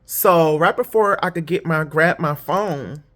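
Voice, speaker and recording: A tired, yawning woman rambles candidly through a long casual storytime at a measured pace, swearing freely. Her pitch leaps up whenever she quotes someone, and she puts on false lashes as she talks.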